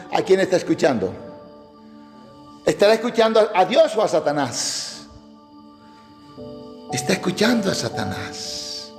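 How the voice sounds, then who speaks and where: A man's voice: high voice, a bit bright, in a large hall. A man preaching a sermon as pastor, emphatic, with many rhetorical questions.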